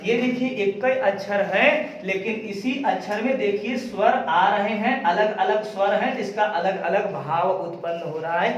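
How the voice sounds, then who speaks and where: A man's voice: sits high, measured pace, hardly any pauses, muffled recording, slight background noise. A male teacher, drilling his class with call-and-response questions. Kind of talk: classroom lesson. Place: echoey classroom. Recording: very echoey classroom, far from mic. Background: students answering in chorus.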